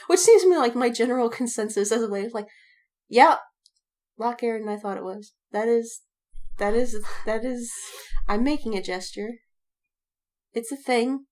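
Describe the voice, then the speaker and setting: A woman with a higher-leaning voice co-hosts a podcast, speaking at normal speed with long pauses. She tells animated anecdotes casually, giggling and acting out the reactions.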